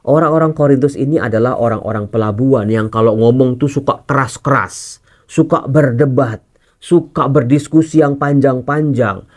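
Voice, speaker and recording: A man's voice: medium pitch, moderate pace, a little mellow. A man, a priest teaching scripture in a sermon, earnest and direct, slipping casual asides into formal teaching. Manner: earnest, addresses listeners as brothers and sisters.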